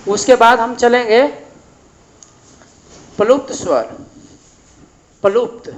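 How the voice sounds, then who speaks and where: A man teaching a grammar lesson at a board, explaining slowly and repeating each definition. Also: high-pitched, slight background noise, low-quality recording.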